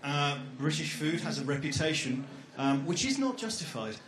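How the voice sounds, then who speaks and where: At an education fair, a middle-aged man co-presents in a large, echoey exhibition hall, rambling, joking and dropping lots of "um"s. His voice is a little high and fairly bright, with big pitch swings and a normal speaking speed.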